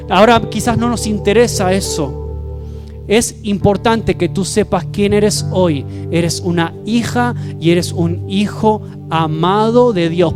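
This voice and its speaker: A male pastor, preaching a fervent sermon to his congregation and praying aloud. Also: high-pitched. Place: church service. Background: soft keyboard music.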